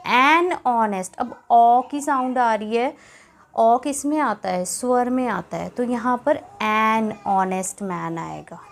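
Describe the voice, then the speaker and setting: A woman with an Indian English accent teaching a grammar lesson, explaining patiently and repeating points as she switches between Hindi and English. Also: a little high.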